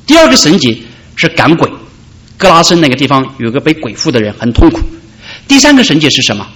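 A man preaching a sermon, calling out loudly at high points and dropping soft in between. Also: wildly swooping pitch, quick pace. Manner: preaching with dramatic rises and soft drops. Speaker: pastor.

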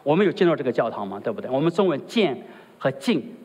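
A pastor preaches a sermon in a husky, darkish voice, talking fast in a sing-song way as his pitch swings widely to press each point. He keeps turning rhetorical questions on the congregation, often asking "right?". The recording is muffled, and a large hall's long reverb trails after every phrase.

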